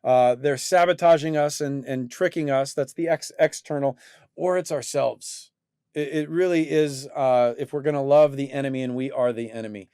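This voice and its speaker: A man's voice: medium pitch, fairly even intonation, moderate pace, dark tone, clear, resonant tone, dry recording, clean studio sound. A man hosting a talk show, teaching and coaching in a reflective way with many fillers and restarts. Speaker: host and coach.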